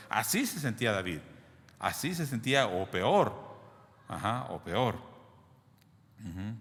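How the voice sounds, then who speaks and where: A man preaches a sermon in a conversational, pastoral way and keeps checking in with his listeners. His voice sits at a mid pitch. The sound carries a long hall reverb. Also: fairly bright tone.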